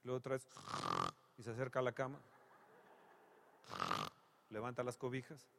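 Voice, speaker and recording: A man preaching a sermon, dramatic and humorous, swinging from hushed passages to loud exclamations. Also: medium pitch, little pitch movement, moderate pace, a little hiss or hum. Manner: humorous storytelling. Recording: long reverb from a large hall.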